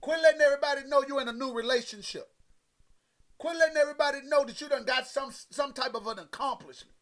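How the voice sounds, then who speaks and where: A man with an unusually high voice delivers a motivational sermon. He hammers his points home through repetition and speaks to his listeners directly. His phrasing is loose and folksy. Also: fast, fairly bright tone. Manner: emphatic, repetitive preaching with direct address to listeners. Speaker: preacher.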